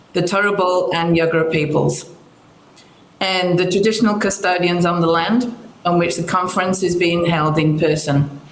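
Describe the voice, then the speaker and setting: A woman archive director giving a conference presentation remotely, speaking in a measured, formal way. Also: on the low side, slight background noise. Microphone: remote video call. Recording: echoey remote feed.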